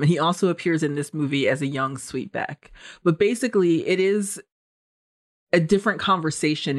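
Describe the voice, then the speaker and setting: A woman's voice: low-pitched, no room sound, clean studio sound. A woman co-hosting a film podcast, giving thoughtful, explanatory commentary in a conversational way.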